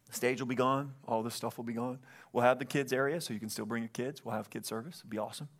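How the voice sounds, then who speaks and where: Fast and steady in tone, this pastor's mid-range voice delivers an earnest sermon in a church sanctuary, recorded by a stage microphone. He keeps calling out for amens and repeats phrases as he preaches.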